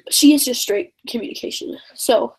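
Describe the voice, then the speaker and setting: A woman's voice: on the high side, a little fast, a little mellow, slightly rough, in a whisper, low-quality recording. A teenage girl from Indiana chatting on a live stream, rambling and giggly with lots of fillers and asides. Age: teens. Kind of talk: casual live-stream chat.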